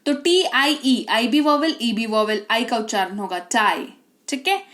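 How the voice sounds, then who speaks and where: A woman's voice: a little high, expressive, unhurried, fairly bright tone. A woman, an English teacher explaining pronunciation rules step by step and often checking that her students follow.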